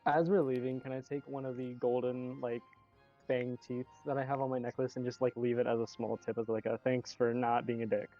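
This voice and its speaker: A man's voice: medium pitch, flat delivery, a little fast, soft background music. A man playing a tabletop game, talking casually and full of fillers. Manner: casual, filler-heavy talk. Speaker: player. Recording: dull lo-fi recording.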